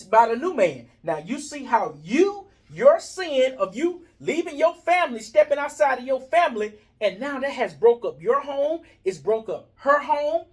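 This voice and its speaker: A man's voice: very high voice, slightly rough. An American man in a heated, casual barbershop debate, preaching his point argumentatively and repeating phrases for emphasis.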